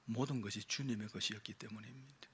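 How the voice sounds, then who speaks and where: Bright-voiced preaching Korean pastor. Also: male voice, steady tone, fast talker, breathy edge. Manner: preaching with rhetorical questions, swinging from loud emphasis to hushed low tones. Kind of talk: sermon. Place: church sanctuary.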